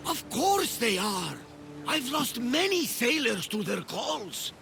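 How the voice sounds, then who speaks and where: Game role: old visionary husband and seafarer, unhurried, gravelly, dreamy and theatrical. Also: male voice, very high-pitched, big pitch swings, bright, forceful tone, soft background music, full character voice. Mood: mystical, dramatic. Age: older. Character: delirious old Greek sailor, devoted husband, visionary. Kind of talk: video game voice acting.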